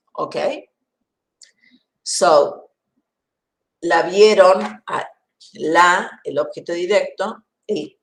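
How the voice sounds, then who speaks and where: A woman teaching a university grammar class online. She explains methodically, works through examples and checks that students understand. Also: fairly low pitch. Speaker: grammar lecturer. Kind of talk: university lecture.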